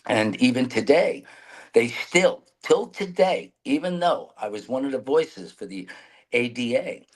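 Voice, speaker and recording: A man's voice: mid-range voice, creaky, rough recording. A man, answering interview questions earnestly in a rambling way with restarts. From New York City. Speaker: mayoral candidate guest.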